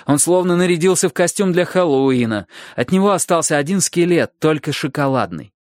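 A man narrating a fantasy audiobook in a steady, expressive storytelling manner. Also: fairly high pitch, a little fast, no echo, clean studio sound. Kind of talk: scripted narration.

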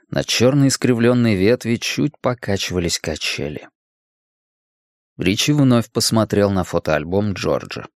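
Steady male audiobook narrator, dry close sound. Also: creaky, dry recording. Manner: measured, steady reading that drops low on grim lines. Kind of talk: scripted narration.

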